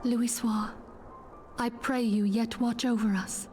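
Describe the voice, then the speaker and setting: Grave, high-voiced fantasy heroine. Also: female voice, flat delivery, slow pace, darkish tone. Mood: grave, worried. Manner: formal, archaic, solemn delivery. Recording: game music behind the voice.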